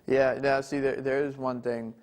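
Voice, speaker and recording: A man's voice: mid-range voice, level tone, normal speed, darkish tone, smooth. Easygoing young man co-hosting. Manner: easygoing, agreeable, uses "like" and "you know". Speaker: co-host of a gaming show. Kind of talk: casual chat.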